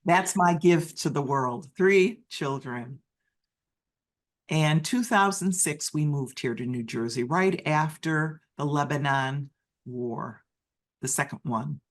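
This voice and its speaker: A deaf speaker's story reaches listeners through an interpreter speaking as "I" at a medium pitch. The words come in stops and starts, with constant self-correction.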